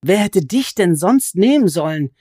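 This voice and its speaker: A woman voicing a defiant young heroine who answers a goblin with sharp, scornful retorts. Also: on the low side, big pitch swings, unhurried, dry recording, clean studio sound, voice pushed up.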